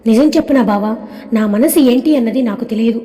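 A woman's voice: fairly high pitch, a little fast, mellow, lightly acted. Woman voicing an innocent loving young wife. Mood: tender. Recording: long reverb.

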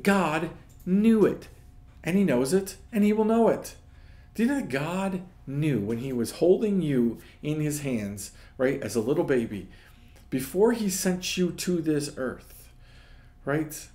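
Animated preacher in an echoey room. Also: male voice, on the high side, unhurried. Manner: conversational, keeps asking "right?"; animated, swings between loud and hushed. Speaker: pastor. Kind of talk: casual nightly devotional talk.

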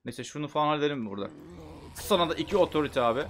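A man giving casual gameplay commentary, chatting to himself and bursting into loud shouts at the game. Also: a little high, animated, racing. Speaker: gameplay streamer.

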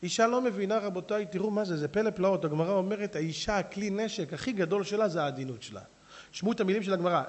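A male rabbi giving a lively sermon, speaking straight to his listeners and acting out characters. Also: high voice. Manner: animated preaching, acting out characters; addresses audience directly.

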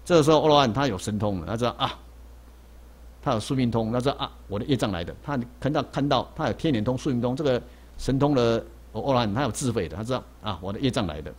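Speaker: a man, Buddhist monk. Pitch: middle, ordinary. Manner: repetitive storytelling, with rhetorical questions he answers himself. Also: expressive, fast talker. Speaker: Buddhist monk lecturing on a sutra. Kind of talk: sermon storytelling. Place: lecture hall.

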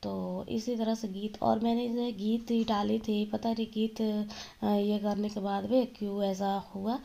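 Hoarse woman, gravelly flat voice, walks viewers through a wedding slowly. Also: mid-range voice. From Jharkhand, India. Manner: slow, explaining each ritual to viewers. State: hoarse from a cold. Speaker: vlogger. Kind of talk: casual vlog narration at a wedding.

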